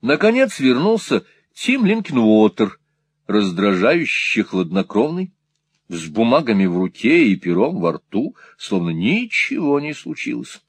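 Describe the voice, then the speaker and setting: A man narrating a classic novel as an audiobook, in an expressive, animated reading. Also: mid-range voice, measured pace, husky, no room sound. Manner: animated, rising and falling with the story. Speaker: audiobook reader.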